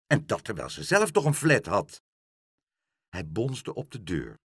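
A man's voice: fairly low pitch, huge pitch swings, unhurried, a bit bright, slightly rough, dry recording, clean studio sound. A man reading a children's story aloud, acting out every line.

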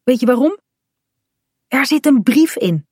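A woman's voice: high voice, animated, measured pace, darkish tone, slightly rough, no echo, pitched above the performer's own voice, full character voice. Playful pirate boy, small and cheeky, voiced by a woman, dry close sound.

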